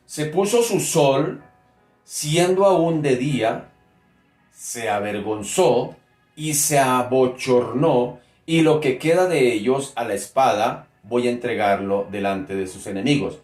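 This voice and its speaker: A male preacher delivers a sermon at an unhurried, deliberate pace, leaning hard on key words and checking in with his listeners. His voice sits at an average pitch and rings out in a roomy space. Soft instrumental music plays faintly behind him. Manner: slow, emphatic teaching with direct questions to listeners.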